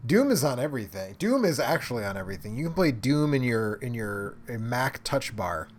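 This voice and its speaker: A man's voice: medium pitch, lively intonation, moderate pace. A man co-hosting a live stream, chatting casually in a wry, self-mocking way, often trailing off mid-sentence. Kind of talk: casual chat while watching a live stream.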